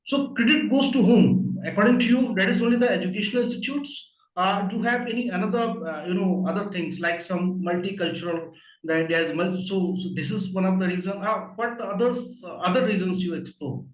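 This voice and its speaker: A man hosts the interview, putting his questions haltingly with many fillers. His voice is somewhat high. He sounds set back from the mic in a roomy, echoing space. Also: far from the mic. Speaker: interviewer, host.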